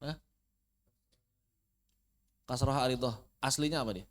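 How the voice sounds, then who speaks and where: A man with an Indonesian accent teaching Quran recitation online, repeating syllables loudly to demonstrate each sound. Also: medium pitch, a little slow. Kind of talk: online tajwid lesson.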